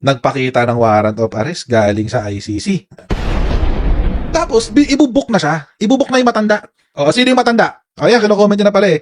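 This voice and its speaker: A man with a Filipino accent giving casual live commentary to his viewers, talking in an animated way, often laughing and reading out viewer comments. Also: sits high, a little fast, slight background noise. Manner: animated, laughing, addresses viewers as "mga kababayan"; reads viewer comments aloud. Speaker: political commentary vlogger.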